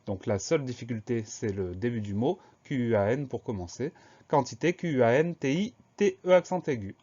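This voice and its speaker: A man's voice: medium pitch, lively intonation, brisk, dark tone. Patient man spelling words aloud. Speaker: teacher. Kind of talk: spelling lesson. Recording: dull lo-fi recording.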